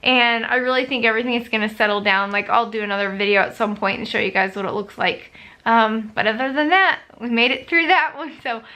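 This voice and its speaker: A woman's voice: fairly high pitch, steady tone, brisk, pushed and bright. A young adult woman telling a story to camera in a casual vlog, chatty, acting out what others said. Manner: chatty, retells others' lines in quotes. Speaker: vlogger.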